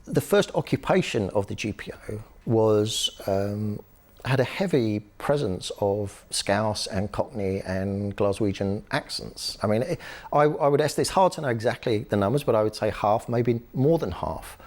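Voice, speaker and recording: A man, an author and activist, explaining history in a relaxed interview, telling stories with lots of ums and restarts. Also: lowish voice, normal speed. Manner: lively storytelling with frequent fillers and restarts. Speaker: author and human rights activist, guest.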